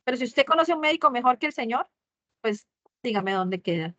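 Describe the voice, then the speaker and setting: A woman's voice: a little high, expressive, brisk, a bit bright, no room sound. A woman teaching a church Bible class, earnest and repeating her key phrases for emphasis. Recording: muffled lo-fi audio.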